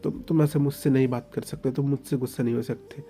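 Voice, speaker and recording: Casting: male storyteller playing a possessive young husband, low and gravelly, sweet-talking with a threat underneath. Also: steady tone, fast, warm tone, faint music behind, natural voice. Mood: coaxing. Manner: coaxing yet menacing, stammers.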